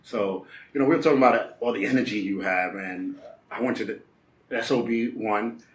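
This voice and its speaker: A man's voice: lowish voice, moderate pace, roomy sound, slight background noise, low-quality recording. A middle-aged man hosting a casual interview, chatty and enthusiastic, often laughing along. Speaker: host. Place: outdoors in the city.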